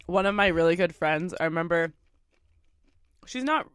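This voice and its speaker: A young woman chats loosely on a podcast, dropping curses and laughing as she eats. Her voice comes through smooth and clean. The sound is close and dry. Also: lowish voice, expressive, moderate pace, a bit bright, no echo. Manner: profane, laughing, eating while talking. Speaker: podcast co-host. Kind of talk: casual chat over a meal.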